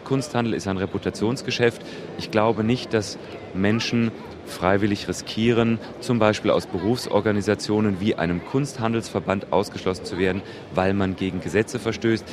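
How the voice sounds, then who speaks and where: A man giving measured, formally worded interview answers as an executive. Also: on the low side, steady tone. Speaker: art trade executive being interviewed. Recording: clear background noise.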